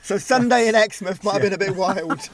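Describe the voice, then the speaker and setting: A man's voice: high voice, brisk, a little hiss or hum. A man co-hosting a football podcast in casual chat, talking with frequent restarts and laughs. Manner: chatty, stumbling restarts, laughs often. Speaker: podcast co-host. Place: car park.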